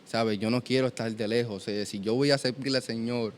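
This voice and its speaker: A man in his twenties giving an earnest, halting testimony in a conversation. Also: medium pitch, steady tone, a little hiss or hum. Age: 20s. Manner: earnest, storytelling with many restarts. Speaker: guest.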